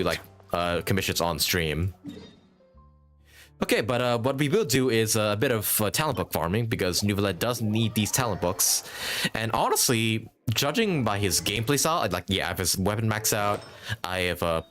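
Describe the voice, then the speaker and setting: A man streams a game and talks loosely and at length, thinking out loud and chatting with his viewers. His voice sits on the low side with a fairly bright tone.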